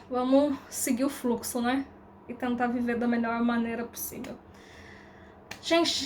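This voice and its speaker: A woman's voice: high-pitched, a little hiss or hum. A Brazilian woman in her thirties with a Brazilian Portuguese accent, vlogging in a candid, rambling way, with slang and loose fillers. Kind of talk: casual reflective monologue to camera.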